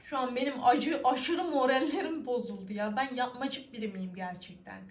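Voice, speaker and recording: A young woman with a bright, high voice and an Aegean Turkish lilt, chatting playfully and laughing as she answers her viewers. She talks into a computer webcam, and her voice rings in an echoey room at home. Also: moderate pace. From İzmir, Turkey. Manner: playful, teasing, laughs often. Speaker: vlogger. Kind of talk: casual chat reading viewer comments.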